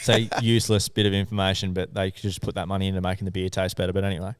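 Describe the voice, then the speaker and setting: A man's voice: low-pitched, little pitch movement, racing, clean tone, no room sound, clean studio sound. A young Australian man co-hosting a podcast, telling stories in a laid-back way and swearing a lot. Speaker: podcast co-host. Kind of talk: casual storytelling chat.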